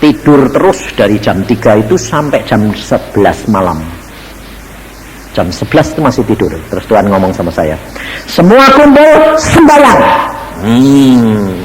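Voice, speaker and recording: A middle-aged male pastor giving a testimony sermon, telling his story in a lively way and acting out the voices of the people in it. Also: lowish voice, normal speed, background noise. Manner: animated storytelling, acts out quoted voices, addresses audience as "saudara".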